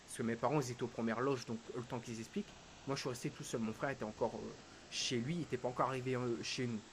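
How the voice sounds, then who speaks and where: Male streamer, emotional personal story, halting delivery, hushed then raised, mid pitch, steady hiss behind. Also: poor audio. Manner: halting, quotes dialogue, swings between hushed and raised. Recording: hissy background noise.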